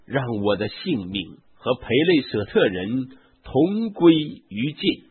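Samson, a mighty captive strongman, earnest and solemn, as a man reads him. The voice is deeply husky and slow. It sounds thin, as if through a phone. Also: very animated, phone-quality sound, heavily acted. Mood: solemn plea.

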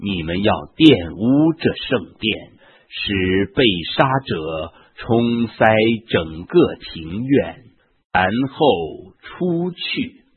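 Man reading the part of a stern divine lord, solemn orders, very slow and husky, tinny lo-fi sound. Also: on the low side, sing-song, full character voice. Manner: solemn, commanding recitation. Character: stern divine male lord giving commands. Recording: tinny lo-fi phone-like recording.

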